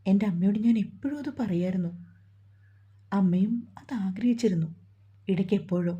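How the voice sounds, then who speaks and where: A woman voicing a gentle, sorrowful young woman. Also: mid-range voice, normal speed, husky, highs cut off. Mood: grieving. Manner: soft, sorrowful.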